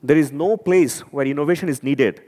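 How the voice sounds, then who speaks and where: In a long-reverb hall, a conference speaker from Bangladesh gives an earnest, emphatic talk at a moderate pace. His voice is a little high with a darkish tone and a Bangladeshi accent, and he often repeats words while searching for what to say.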